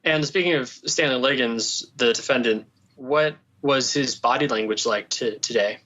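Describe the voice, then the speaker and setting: A man hosting a podcast and asking a reporter brisk, plain questions. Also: medium pitch, bright, forceful tone. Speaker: podcast host interviewer. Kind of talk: interview questions. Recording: dull lo-fi audio.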